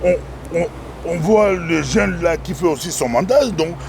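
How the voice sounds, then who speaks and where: A man's voice: on the high side, measured pace, vocal fry, a loud crowd. A man hosting an interview as a pastor, talking hesitantly with many restarts.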